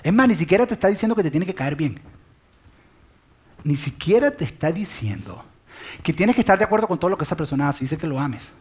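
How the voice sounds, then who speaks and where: Husky, high-voiced preacher man. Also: very animated, quick pace, a little mellow. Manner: dramatic, drops to a whisper on key words; conversational, addresses the listener directly with questions. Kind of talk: sermon.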